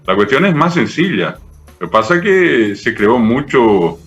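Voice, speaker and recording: Un hombre de mediana edad con acento paraguayo, profesor invitado que explica con paciencia y muchos "eh" y "¿verdad?". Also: male voice, mid-range voice, very animated, measured pace, fairly bright tone, dull audio, faint music behind. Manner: patient, didactic, many fillers "eh" and "¿verdad?". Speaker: Guaraní language professor, guest. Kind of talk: explanatory interview talk.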